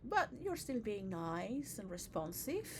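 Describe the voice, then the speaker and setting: Slow, rambling woman with a Spanish mother tongue. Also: mid-range voice, big pitch swings, noisy background. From Venezuela. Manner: digressive, meandering, blunt with swearing. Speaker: vlogger. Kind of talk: casual rambling monologue. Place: recorded at her own setting, she shows on camera.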